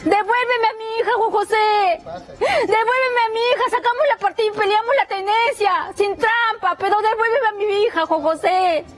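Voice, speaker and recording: A woman's voice: extremely high pitch, moderate pace, music in the background. A woman, a mother pleading and crying on a city street for her baby to be returned. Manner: pleading, crying, repeating herself.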